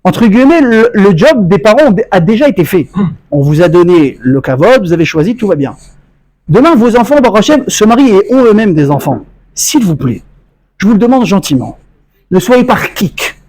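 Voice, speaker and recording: A man's voice: high-pitched, moderate pace, low-quality recording. A man, a rabbi, giving a Torah lecture to a congregation, telling stories and acting out dialogue. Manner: animated storytelling, acts out dialogue.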